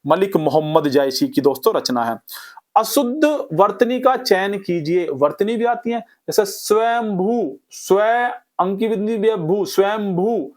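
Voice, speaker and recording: A fairly high-voiced man teaches a revision lesson. He drills the class in a lively, repetitive way, firing off questions and answering them himself. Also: unhurried. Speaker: Hindi exam-prep teacher.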